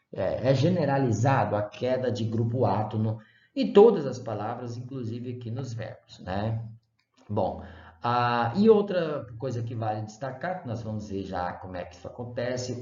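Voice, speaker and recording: A man with a Brazilian Portuguese accent teaching a recorded lecture, explaining patiently, often pausing on fillers and checking with "right?". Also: mid-range voice, a little mellow. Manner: hesitant, many filler "é" and "ah"; explanatory, checks understanding with "certo?" and "né?". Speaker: Latin teacher. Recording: roomy, slightly dull lecture recording.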